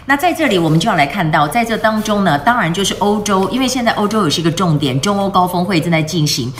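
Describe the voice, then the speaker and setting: A woman's voice: medium pitch, expressive, fast talker, a little hiss or hum. A woman teaching English words from the news, spelling them out and asking questions she answers herself, often switching between Mandarin and English mid-sentence. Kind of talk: news-based vocabulary lesson.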